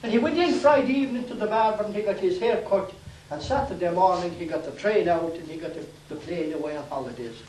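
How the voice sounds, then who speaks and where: A man's voice: sits high, fast, a little mellow, slight background noise. An older man with an Irish accent telling comic stories to a live audience, leisurely and dryly humorous. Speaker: storyteller. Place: day centre hall. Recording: echoey room from far off.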